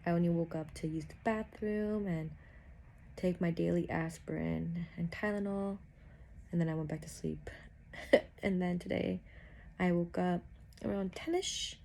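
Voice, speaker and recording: A young woman vlogging at home in a casual, low-key way, speaking softly and sometimes almost whispering, with lots of fillers. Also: steady tone, measured pace, vocal fry, pauses often. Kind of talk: casual vlog narration. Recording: noisy home recording.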